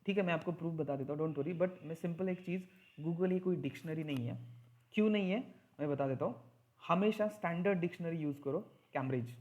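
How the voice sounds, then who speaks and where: A man teaching an English grammar lesson in Hindi mixed with English, slowing down to stress key points. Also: a little high, a little mellow, highs cut off.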